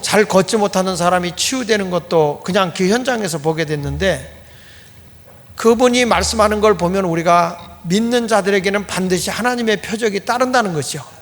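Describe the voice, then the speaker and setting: Middle-aged male pastor, high voice, plain repetitive sermon delivery, church hall reverb. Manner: plain, explanatory preaching with repeated emphatic phrasing. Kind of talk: Sunday sermon. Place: church sanctuary.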